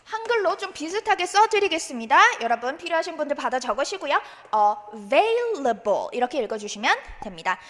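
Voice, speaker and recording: A woman teacher giving a recorded exam-prep lecture, drilling English pronunciation by modeling words slowly and having students repeat. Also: sits high, animated, a bit bright, long reverb tail. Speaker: English speaking test teacher.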